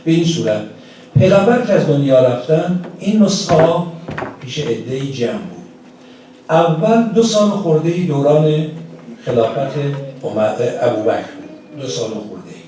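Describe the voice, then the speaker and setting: A man with a Persian accent delivers a religious lecture, laying out his points one by one and asking the audience rhetorical questions. His voice is dark and mellow. The recording catches him from a distance in a strongly echoing hall. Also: fairly high pitch, lively intonation, long pauses, slight background noise. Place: community center hall. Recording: distant mic in a very echoey hall.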